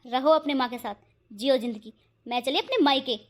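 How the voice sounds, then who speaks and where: A woman voicing a quick-tempered young wife who scolds and shouts sarcastically in a cartoon. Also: sits high, lightly acted. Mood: angry. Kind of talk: cartoon voice acting.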